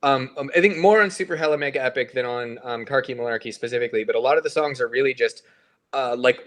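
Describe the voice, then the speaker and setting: A man's voice: mid-range voice, a bit bright. Male band member, mid-range voice, rambling casual podcast chat. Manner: rambling, hedging, full of fillers and restarts.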